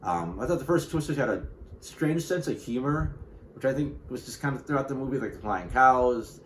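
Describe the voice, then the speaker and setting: A man's voice: medium pitch, expressive, moderate pace. A man giving a casual, rambling spoken movie review, full of fillers and restarts. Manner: rambling, filler-heavy, frequent restarts and "you know". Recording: roomy with faint background hiss.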